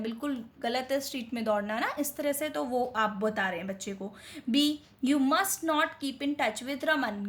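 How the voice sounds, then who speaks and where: A woman with an Indian accent teaching a grammar lesson, who reads out English examples slowly and keeps checking that her students are following. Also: a little high, fairly bright tone. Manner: explains slowly, reading English examples carefully, then adding quick Hindi asides; keeps checking in with "theek hai?". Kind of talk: explanatory lesson.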